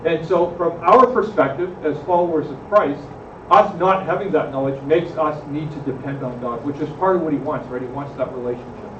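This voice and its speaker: A man's voice: fairly high pitch, a little fast. A man leading a church group discussion, often asking the room questions and adding "right?". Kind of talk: conversational Bible study discussion. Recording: roomy, distant, slightly muffled with faint noise.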